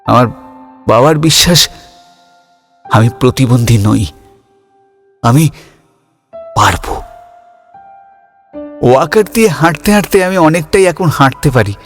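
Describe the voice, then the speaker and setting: A young man narrates a dramatic Bengali audio story and voices its lead character, with music playing under him. His medium-pitched voice is slow, animated and emotive, and his mood is wistful, reflective and hopeful. He speaks haltingly, with some stammering.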